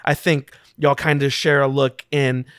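Man running a tabletop game, halting. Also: medium pitch, level tone, fairly bright tone, clean tone, no room sound, clean studio sound. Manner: halting, filler-heavy narration. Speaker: game master.

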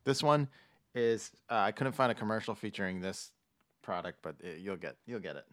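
Low-voiced man, halting podcast host. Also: lively intonation, fairly bright tone. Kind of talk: casual podcast chat.

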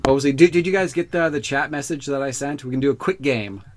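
A man hosting a casual podcast and running a quick quiz, often repeating his first words as he gets going. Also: mid-range voice, a little hiss or hum. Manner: stammers, repeating words as he starts sentences.

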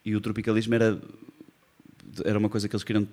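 A low-voiced middle-aged man with a European Portuguese accent talks quickly in a relaxed conversation. He muses aloud, restarting his sentences as he works out his thoughts. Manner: thoughtful, restarts often, sings a snatch in English. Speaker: singer-songwriter guest. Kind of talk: casual conversation.

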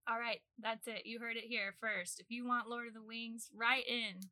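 A woman's voice: a little high, flat delivery, moderate pace, bright, forceful tone, no room sound. A woman, a podcast guest, self-deprecating and laughing easily. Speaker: guest, events coordinator. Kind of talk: casual podcast chat.

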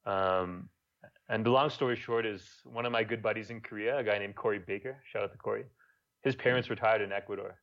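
This young YouTuber from Montreal has a French Quebec accent and a low-ish, creaky, slightly bright voice that stays steady and brisk. Guesting on a casual podcast, he tells easygoing stories, swearing here and there. The sound is lo-fi.

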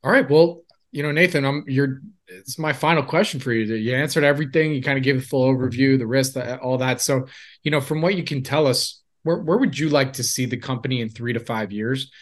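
A man's voice: medium pitch, a little fast. A man hosting a conversational business podcast interview, informal, rephrasing as he goes.

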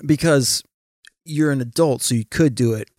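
A man hosting a casual chat, reacting briefly and speaking in slow, halting phrases. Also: medium pitch, darkish tone, dry recording, studio quality.

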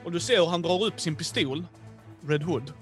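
A man's voice: a little high, faint music behind. En man som berättar som spelledare i ett rollspel, livligt och vardagligt med mycket utfyllnadsord. Rösten är ganska ljus för en man, och svag musik hörs i bakgrunden. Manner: animated, many fillers. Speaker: game master. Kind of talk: casual role-play narration.

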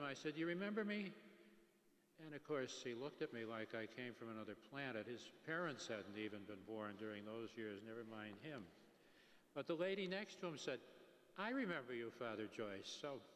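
An elderly man delivers a homily as a priest. His mid-range voice is conversational and a little rambling, pausing and restarting as he goes. The big church adds a long echo. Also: medium pitch, a bit bright. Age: 70s or older. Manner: informal, anecdotal, halting and rambling. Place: large echoing church.

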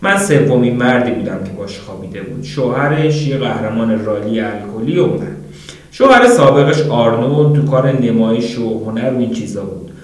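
A man reading a novel aloud as an audiobook narrator in a steady, plain manner, recorded in a roomy space. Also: medium pitch. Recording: roomy, distant mic.

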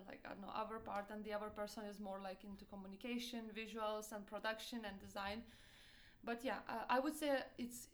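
Young woman with a Lithuanian accent. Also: on the high side. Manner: hesitant, searching for words, many fillers. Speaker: entrepreneur guest. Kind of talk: interview answers.

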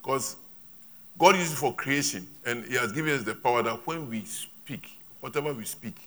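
During a church service, a male preacher with a bright, forceful, mid-range voice delivers his sermon in short, emphatic bursts. He repeats his points and pauses to leave room for an interpreter.

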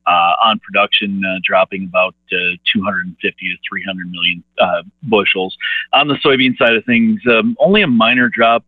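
A man speaking as a market analyst guest over a phone line, halting and full of "uh" fillers and restarts. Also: fairly low pitch, no room sound. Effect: heard over a phone line. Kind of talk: phone interview on farm markets. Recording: narrow dry phone line.

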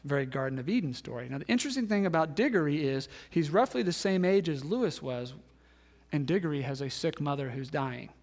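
A man in his thirties, a pastor giving a sermon, telling a story and acting out the voices in it, then dropping to hushed tones. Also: on the high side, lively intonation, a little fast. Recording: long hall reverb.

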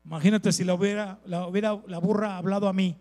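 A man, a pastor preaching a sermon with lively storytelling, repeated phrases and asides to the congregation. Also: high-pitched, fast talker, in a large hall.

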